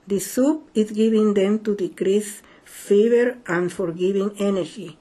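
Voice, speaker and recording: A woman's voice: mid-range voice, measured pace, dark tone, husky. An older woman from Guatemala with a Guatemalan Spanish accent, explaining a home recipe in careful, plain second-language English. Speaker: home cook sharing a recipe. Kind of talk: simple narrated recipe explanation.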